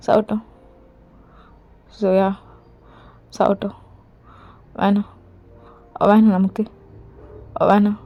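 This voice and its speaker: A woman voicing a ruthless young male king who talks in a low, slow, possessive murmur in a fan audio drama, over faint music. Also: vocal fry, warm tone.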